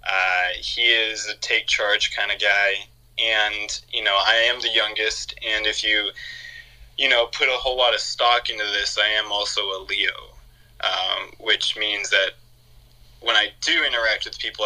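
A man who is a podcast guest, speaking in a relaxed, outgoing way with some hesitant fillers. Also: lowish voice, moderate pace, low-quality recording. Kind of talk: conversational interview.

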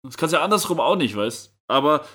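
A man's voice: on the high side, very animated, quick pace, fairly bright tone. A young man co-hosting a podcast, talking casually in slangy, laid-back chat. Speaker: podcast co-host.

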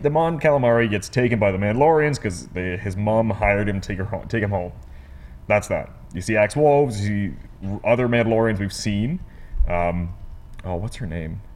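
A man's voice: fairly low pitch, darkish tone, a little hiss or hum. A man co-hosting a review show, casually recapping an episode and briefly acting out lines the characters say. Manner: rambling recap with quick acted-out quotes. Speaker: podcast co-host reviewing a TV episode.

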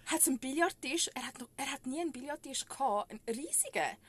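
A woman with a Swiss German accent, co-hosting a podcast and telling a story in casual chat, animated and often laughing. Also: sits high, fast. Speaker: podcast co-host.

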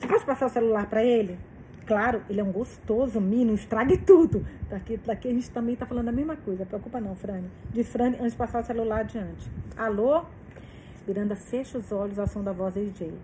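A woman's voice: fairly high pitch, a little fast, warm tone, slight background noise, rough recording. A woman reading a novel aloud, reacting emotionally and swearing between passages. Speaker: book reader.

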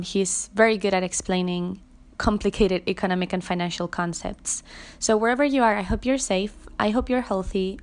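A young adult woman hosting a podcast, introducing her guest in a friendly way with frequent ums. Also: mid-range voice. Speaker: podcast host.

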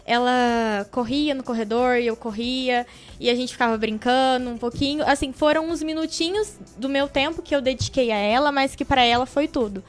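Bright-voiced young woman telling a story. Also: sits high, moderate pace, soft background music. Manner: animated, emotional storyteller who acts out quoted voices. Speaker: podcast guest. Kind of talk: casual podcast storytelling.

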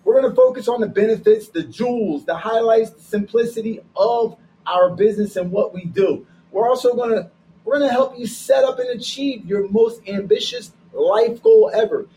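A man co-hosting a podcast, delivering an energetic, preachy pep talk with repeated catchphrases. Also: high-pitched, moderate pace, a little hiss or hum, rough recording. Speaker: podcast co-host. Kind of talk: hyped promotional pep talk.

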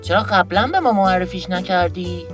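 A man's voice: high-pitched, a bit bright, soft background music, voice pushed up. Man voicing a frank caring boy, raised boyish voice, odd timbre, storybook reading. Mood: earnest. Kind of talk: storybook voice acting.

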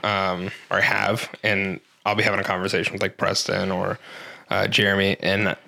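A man's voice: sits low, monotone, moderate pace, gravelly, sharp tone, poor audio. A man hosting a podcast in casual chat, rambling and self-deprecating, laughing a lot. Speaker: podcast host.

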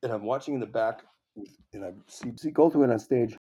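A man's voice: medium pitch, a little fast, dark tone, slightly rough. A man, a comedy writer, guesting on an interview show and telling rambling, profane stories full of restarts. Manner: rambling, swears often, many restarts. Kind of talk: casual anecdote telling.

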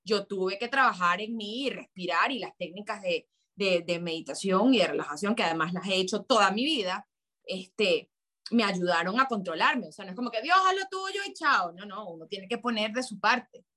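A woman's voice: medium pitch, normal speed, pushed and bright. Middle-aged woman, guest, emotional storyteller who acts out quoted lines. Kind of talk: heartfelt conversation.

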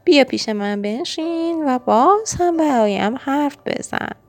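A woman voicing a flattered, friendly quicksilver. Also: sits high, no room sound, pitched above the performer's own voice. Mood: pleased. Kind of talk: storybook reading.

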